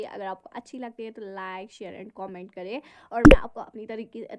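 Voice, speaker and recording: A woman's voice: fairly high pitch, darkish tone. A young woman telling a personal story in a casual vlog, chatty and repeating phrases for emphasis. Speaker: vlogger.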